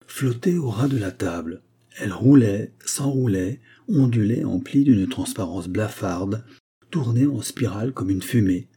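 A man narrating a first-person ghost story in a measured, atmospheric reading. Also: on the low side, dark tone, husky. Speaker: audiobook narrator.

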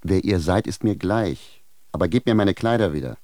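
An actor playing a confused, blunt village shoemaker who speaks plainly and indignantly in a radio drama. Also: male voice, deep voice, animated, moderate pace, darkish tone, dry recording, studio quality. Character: bewildered male village shoemaker, blunt, stubborn.

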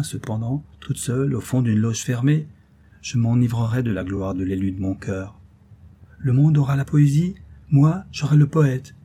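A man's voice: mid-range voice, dark tone, breathy edge, natural voice. A male audiobook reader voicing a passionate young woman, the rich daughter of a banker, speaking with exalted, dreamy insistence.

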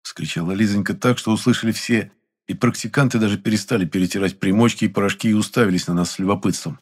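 A man's voice: fairly low pitch, quick pace, breathy edge. A man narrating an audiobook in the first person with a wry, ironic tone.

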